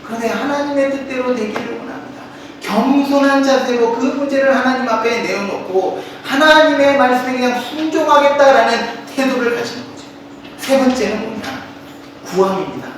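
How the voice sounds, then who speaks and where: Pastor preaching in an echoey church. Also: male voice, very high-pitched, slight background noise. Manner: conversational, addresses the congregation directly. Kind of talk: sermon. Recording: echoey hall from a distant mic.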